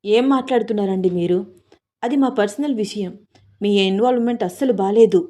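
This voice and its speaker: A woman's voice: medium pitch, brisk, warm tone, natural voice. A woman storyteller voicing an irritated young wife who answers curtly. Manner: irritated, curt.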